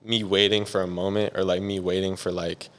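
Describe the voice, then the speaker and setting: His voice sits low and runs a little fast as this young San Diego music producer chats in an interview. The manner is relaxed and wandering, with many uses of "like."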